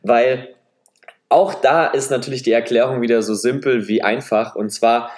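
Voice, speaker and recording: With fairly even intonation and a moderate pace, a podcast host's mid-range voice sounds nasal and a little mellow. He is in his 20s, comes from Leipzig in eastern Germany, carries a slight Saxon German accent, and delivers a chatty, self-deprecating, semi-scripted solo monologue into a podcast microphone.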